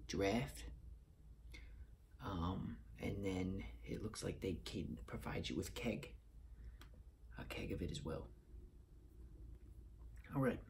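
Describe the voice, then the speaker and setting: Recorded in a room at home, a Boston-accented man in his thirties casually reviews a beer, partly reading aloud as he goes. His voice is lowish and a bit mellow, with slight hiss or hum in the audio.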